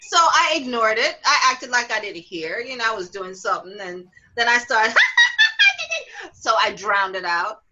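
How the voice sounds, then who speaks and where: Animated, bright-voiced woman host. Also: unhurried, highs cut off, slight background noise. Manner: animated storyteller, acts out quotes with big pitch jumps, laughs often. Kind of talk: casual talk show discussion.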